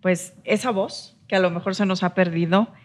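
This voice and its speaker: A woman's voice: medium pitch, fairly even intonation, moderate pace. Reflective woman co-hosting. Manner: reflective, explains with rhetorical tags. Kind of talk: casual podcast conversation.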